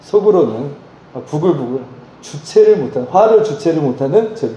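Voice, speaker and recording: A middle-aged male pastor telling a personal story during a sermon, with animated, laughing delivery. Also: on the high side, moderate pace, slight background noise. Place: church sanctuary. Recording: echoey church hall.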